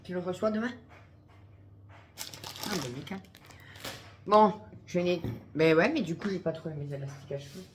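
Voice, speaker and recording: A woman's voice: fairly low pitch, normal speed, long pauses, a little hiss or hum. A woman vlogging in casual chat to camera, chatty and swearing freely, talking through a headset.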